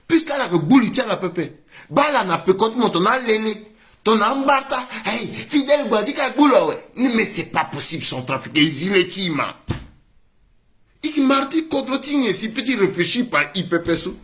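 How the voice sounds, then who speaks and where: High-voiced man commenting. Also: very animated, moderate pace. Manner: exclamatory, mixes French and Sango, swings between loud outbursts and low muttering. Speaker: political commentator. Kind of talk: political commentary monologue.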